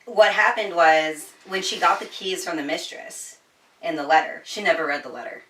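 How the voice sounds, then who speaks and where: A woman with a bright, lowish voice chats casually about a book at a moderate pace, using slang and swearing freely. She tells the story with animation, voicing quoted dialogue, while sitting somewhat off a distant mic in an echoey room.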